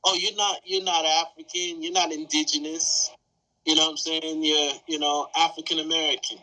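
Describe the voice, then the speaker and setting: A man's voice: on the high side, level tone, moderate pace, pushed and bright, low-quality recording. A man in a casual roundtable chat, earnest, restarting words as he builds his point.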